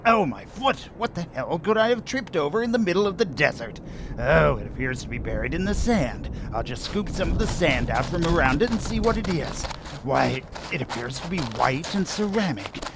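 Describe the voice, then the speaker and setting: A man's voice: fairly high pitch, vocal fry, background noise. A man playing a fussy, luckless manservant in a comic audio drama, theatrically exclaiming and muttering to himself. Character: fussy, luckless, self-pitying manservant lost in the desert. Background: music.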